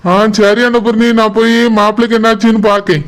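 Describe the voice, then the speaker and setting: A man's voice: high-pitched, level tone, fast, noisy background, lightly acted. A man voicing a scheming middle-aged village father who drinks, with a Kanyakumari Tamil accent. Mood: worried.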